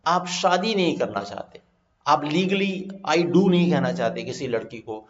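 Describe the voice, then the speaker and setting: Indian man, teacher, somewhat high voice, roomy echo, slightly muffled sound. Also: animated. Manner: mixes Hindi and English, explains slowly and repeats. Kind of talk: vocabulary lesson over slides. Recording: echoey, slightly dull recording.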